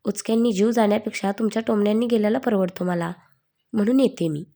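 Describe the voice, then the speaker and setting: Casting: woman doing a wry, calm middle-aged daughter-in-law in a story reading, gently sarcastic. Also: medium pitch, quick pace, natural voice.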